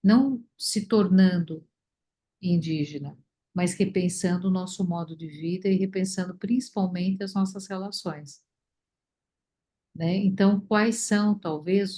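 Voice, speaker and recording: A woman leading a study group, talking reflectively with many pauses and fillers over a video call. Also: on the low side, fairly even intonation, warm tone. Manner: thoughtful, many fillers and restarts.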